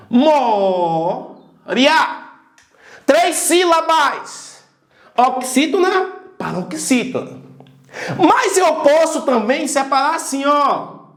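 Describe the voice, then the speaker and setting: A man teaching a lively video lesson, emphatic, calling out to his students and stretching out syllables to make a point. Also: extremely high pitch. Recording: roomy echo.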